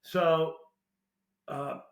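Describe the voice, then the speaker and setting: A man's voice: on the high side, extremely slow. A man in his sixties from South Carolina, telling his story as a guest in a casual, rambling way with lots of fillers. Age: 60s. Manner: animated, rambling, full of fillers. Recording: echoey room.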